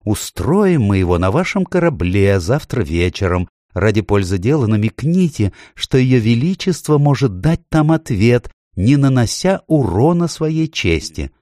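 A man voicing an excitable male faun in a storybook, talking in a high, eager, fussing way. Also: unhurried, few pauses, dry recording, studio quality. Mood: scheming eagerly. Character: fussy, excitable male faun plotting an escape.

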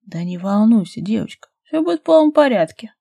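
A woman's voice: on the high side, sing-song, brisk, gravelly, mellow, voice pushed up, heavily acted. A woman reading the lines of a sly, mocking man in an audiobook.

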